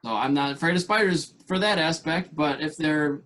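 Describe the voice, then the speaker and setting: A man's voice: fairly high pitch, normal speed, a bit bright. A man hosting a podcast in a casual, easygoing chat, often trailing off mid-thought. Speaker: podcast host.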